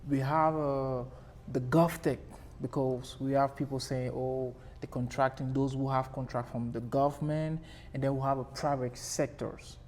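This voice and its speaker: A man's voice: mid-range voice, flat delivery, normal speed, darkish tone, a little hiss or hum. A man hosting a podcast interview, asking loose questions and chiming in with short affirmations. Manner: frequent affirmations, loose phrasing. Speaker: podcast host.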